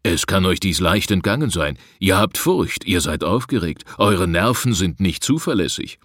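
A man's voice: low-pitched, expressive, normal speed, fairly bright tone, dry recording, clean studio sound. A man reading a scornful, commanding grave robber. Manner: curt, mocking, commanding.

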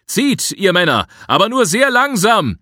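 A man voicing a steady adult adventurer who speaks calmly and firmly in a story reading. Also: sits high, unhurried, no echo, clean studio sound, voice pushed up, heavily acted. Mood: calling out. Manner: calm and firm, raised to a call. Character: steady adult male adventurer reassuring and commanding.

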